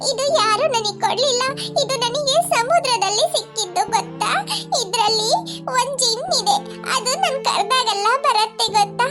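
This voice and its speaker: A woman's voice: very high-pitched, normal speed. A woman voicing a small, tender-hearted cartoon youngster who pleads and chants spells to call a jinn. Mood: sad. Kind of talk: cartoon voice acting. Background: children's music.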